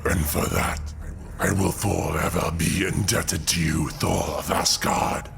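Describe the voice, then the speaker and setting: A man playing a grave, embittered alien god killer in a comic-book audio drama, delivering slow, theatrical, menacing speeches. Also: fairly even intonation, a bit bright, full character voice. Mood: cold, menacing. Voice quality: deep gravelly voice. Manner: slow, brooding, theatrical villain monologue. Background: music under the voice.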